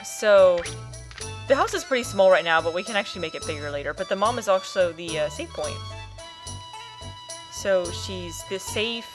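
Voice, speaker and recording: A woman's voice: medium pitch, lively intonation, normal speed, long pauses. Woman, let's-play host, casual chatty commentary, game music under her voice. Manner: chatty, giggly, explains as she plays.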